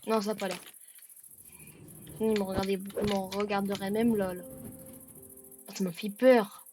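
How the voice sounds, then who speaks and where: A woman giving let's-play commentary in a joking way. She stammers and repeats words, and bursts into shouts at the game. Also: medium pitch, little pitch movement, measured pace, music in the background. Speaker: gaming video creator.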